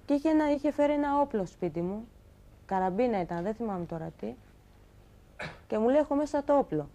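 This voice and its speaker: Young woman, talk-show guest, animated storyteller who acts out quoted lines; fairly high voice. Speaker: guest telling her story. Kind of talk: emotional personal account on a talk show.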